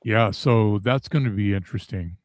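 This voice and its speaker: A man talking casually as a guest in an interview, candid and halting, with many restarts and some swearing. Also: on the low side, a little mellow, no echo, clean studio sound. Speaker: guest vocalist.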